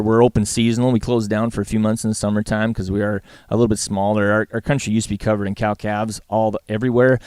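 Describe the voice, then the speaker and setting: Low, even-voiced Western Canadian man. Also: smooth, dry recording. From Alberta, Canada. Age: middle-aged. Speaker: guest, livestock auctioneer and former calf roper. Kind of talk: casual interview chat.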